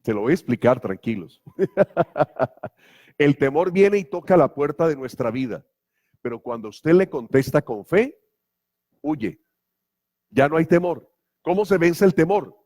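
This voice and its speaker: A man's voice: a little high, expressive, measured pace, pauses often, darkish tone. A man preaching a sermon as pastor, emphatic and full of rhetorical questions. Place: church.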